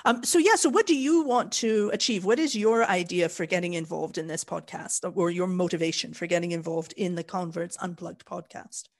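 Speaking at a moderate pace with few pauses, this woman's voice sits on the low side and carries a Canadian accent. She co-hosts a casual podcast, thoughtfully explaining things in long sentences with fillers.

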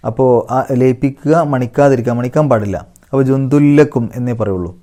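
A man leads a tajweed lesson on recitation rules. He chants each short phrase slowly at a raised pitch, then drops into a lower, softer voice to explain the rule. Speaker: Quran recitation teacher.

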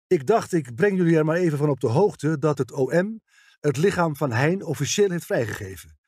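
Narrator as an older detective, measured and polite, husky audiobook voice. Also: male voice, on the high side, expressive, darkish tone, no room sound, studio quality. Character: grey veteran police detective, patient and courteous.

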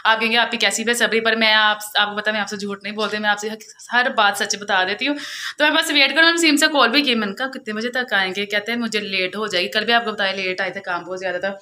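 A young woman, chatting casually and confidingly to camera at home, quick to laugh. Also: mid-range voice, fairly even intonation, pushed and bright. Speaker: vlogger.

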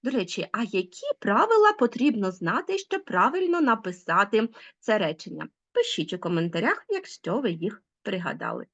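A woman teacher giving an online school lesson, explaining rules with lively, rising emphasis. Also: medium pitch, normal speed. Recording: dull lo-fi sound.

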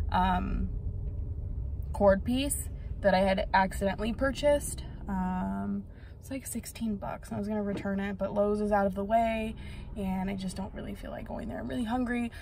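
Holding her phone camera at arm's length, a young woman vlogger rambles chattily about her day with plenty of ums, first inside a parked car and then in a home kitchen. Her medium-pitched voice is gravelly and darkish, with a faint hiss or hum behind it.

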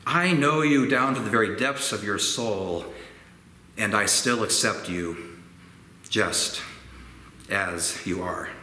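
Slow, reflective older pastor in echoey church. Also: male voice, fairly low pitch. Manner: slow, gentle and reflective, with expressive hand gestures. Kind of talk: sermon. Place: church sanctuary with organ pipes. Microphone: fixed camera at medium distance. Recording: roomy church echo, faint ambient noise.

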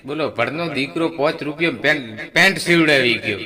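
Comedian, lively audience. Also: male voice, on the high side, a crowd in the background. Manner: rapid storytelling with constant filler "ke", acting out characters in quotes. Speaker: folk comedian telling jokes. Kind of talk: rustic joke-telling to a live audience. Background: laughing audience.

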